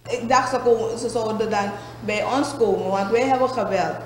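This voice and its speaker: Interviewed woman, slightly high, hesitant telling, echoey with faint noise. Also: moderate pace. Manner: hesitant, recounting events with fillers. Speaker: company employee interviewed. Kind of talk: news interview.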